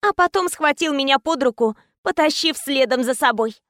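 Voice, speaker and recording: A woman's voice: sits high, expressive, normal speed, a bit bright, no room sound, clean studio sound. A woman narrating a tense first-person story as an audiobook reader.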